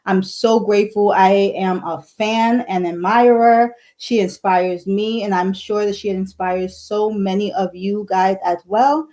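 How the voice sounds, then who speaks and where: A woman's voice: mid-range voice, unhurried, few pauses, warm tone, low-quality recording. A woman hosting a livestream interview over a video call, upbeat and fond of asking "right?" and "okay?". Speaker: livestream host. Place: indoors at home. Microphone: earphone mic on video call.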